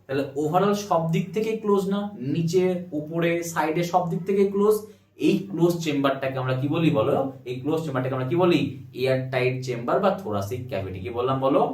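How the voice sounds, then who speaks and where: A man's voice: on the high side, fast talker, darkish tone. A man teaching biology at a board, firing questions at the class and answering them himself. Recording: roomy echo, mic at a distance.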